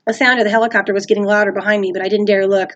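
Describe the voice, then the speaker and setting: A woman teacher reading a chapter book aloud to her class in a steady, expressive voice. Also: medium pitch, very fast, muffled recording. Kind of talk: storybook read-aloud.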